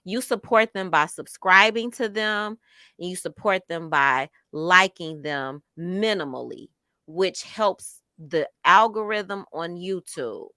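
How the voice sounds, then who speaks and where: Middle-aged woman chatting, reads comments out n mulls them over, bright voice, dry sound. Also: on the low side, no echo. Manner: reflective, measured, reads comments aloud. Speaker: co-host reading viewer comments. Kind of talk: casual chat.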